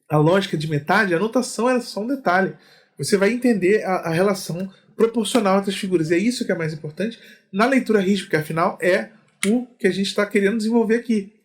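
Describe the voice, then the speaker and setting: A man teaches rhythm reading in an online lesson. His voice sits fairly high for a man, and he explains patiently. He often breaks into chanted rhythm syllables while keeping a steady pulse. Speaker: music teacher.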